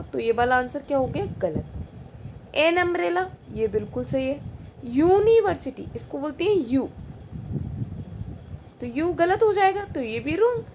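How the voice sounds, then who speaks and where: A woman's voice: sits high, a little mellow, slight background noise. A woman teacher going through an exam prep lesson, asking questions aloud and answering them herself, repeating the key answers.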